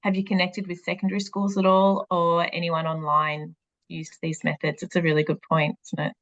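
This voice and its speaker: A woman's voice: on the low side, level tone, normal speed, fairly bright tone, lo-fi sound. A woman moderating an online webinar, reading questions from the chat. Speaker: webinar host.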